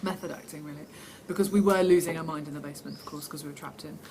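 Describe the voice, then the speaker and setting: Over constant crowd noise, an actress talks fast in a low-pitched voice. She reads the interview questions out herself and answers them in a chatty, self-deprecating way.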